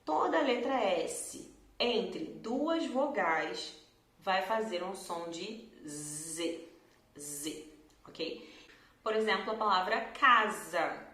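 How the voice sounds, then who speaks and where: A woman teacher from Brazil with a Carioca accent, explaining pronunciation slowly and clearly and drawing out example words. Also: fairly low pitch, bright, forceful tone. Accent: Carioca Brazilian Portuguese. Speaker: Portuguese teacher. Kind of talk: pronunciation lesson to camera. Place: room at home, in front of a door. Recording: echoey room.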